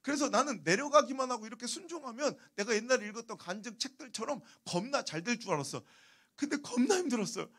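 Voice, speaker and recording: Revival preacher, male, high voice, animated storyteller with broad swings of pitch. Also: fast talker, slightly rough. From Chungcheong, Korea. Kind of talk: revival sermon. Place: church sanctuary.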